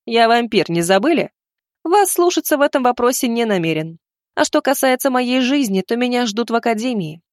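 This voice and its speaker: Teasing young vampire dude, smug and mocking, low and dry, woman reading him. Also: sing-song, fairly quick, no echo. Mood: cocky. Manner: mocking, self-assured.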